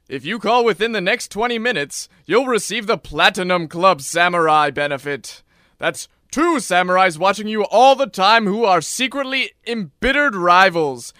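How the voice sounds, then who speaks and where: A man's voice: pushed and bright, smooth, no echo, clean studio sound, exaggerated voice. A man doing a hard-sell announcer voice in a spoof infomercial within a radio comedy. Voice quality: hard-sell, booming salesman delivery. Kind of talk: mock infomercial pitch.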